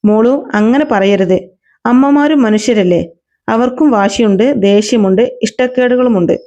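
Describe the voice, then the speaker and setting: A woman's voice: a little high, moderate pace, warm tone, natural voice. A woman voicing a loving young woman who patiently coaxes her younger sister, in a storybook reading. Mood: soothing. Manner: soothing, patient, coaxing. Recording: slightly dull lo-fi recording.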